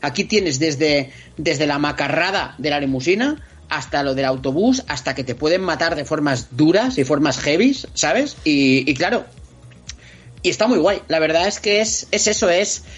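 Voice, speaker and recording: A man's voice: on the high side, normal speed, slightly rough. A man with a Spain Spanish accent, chatting on a podcast as a guest and acting out scenes with vivid interjections. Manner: expressive storyteller, acts out scenes with interjections. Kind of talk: casual podcast chat. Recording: slightly dull lo-fi audio, faint music behind.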